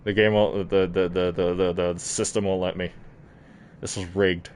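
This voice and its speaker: A man chats casually on a game livestream, projecting his fairly low voice through a face mask. The mic sits away from him and there is some light noise in the recording. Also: level tone, moderate pace, darkish tone. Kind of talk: casual gaming livestream chat. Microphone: distant microphone, talking through a mask. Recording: noisy, mic set far away.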